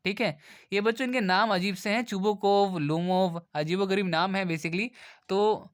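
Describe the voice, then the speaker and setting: Man, online tutor, slow readings of text, casual explanations. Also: sits high, steady tone. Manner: reads English lines slowly, then explains casually. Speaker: teacher. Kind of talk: explaining a worksheet in Hindi.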